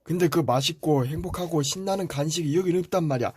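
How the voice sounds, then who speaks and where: A man playing a nagging older brother, husky. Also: fairly high pitch, quick pace, dry recording, clean studio sound. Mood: scolding. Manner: nagging, rambling scolds. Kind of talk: amateur voice drama.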